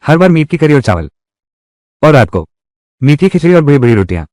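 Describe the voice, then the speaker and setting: A man's voice: a little high, big pitch swings, brisk, darkish tone, no room sound, studio quality. A man voicing a village leader who makes announcements like a town crier, rallying the people in a dubbed drama. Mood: promising.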